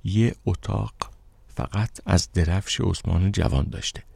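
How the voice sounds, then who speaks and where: A deep-voiced man voicing an upset, heated young woman. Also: gravelly, a little mellow, slightly rough, no room sound, heavily acted. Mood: insistent.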